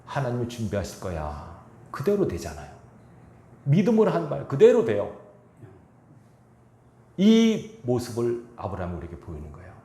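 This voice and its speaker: A male pastor preaching a sermon, animated, acting out quoted speech and asking the congregation questions. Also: mid-range voice, moderate pace, pauses often, roomy sound. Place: church sanctuary.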